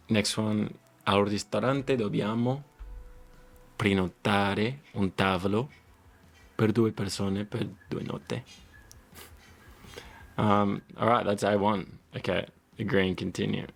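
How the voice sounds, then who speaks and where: A man's voice: lowish voice, creaky, breathy edge. A man working through language lessons, sounding out phrases and repeating the hard ones. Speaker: language learner. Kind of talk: practicing phrases aloud.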